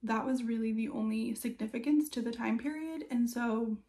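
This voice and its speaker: A woman talks through a book review in a casual, chatty way. Her voice sits a bit high and has a heavy creak to it. She sounds conversational and informal, like a host talking straight to her viewers. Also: normal speed, warm tone. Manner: chatty and conversational, with frequent "like" and trailing asides.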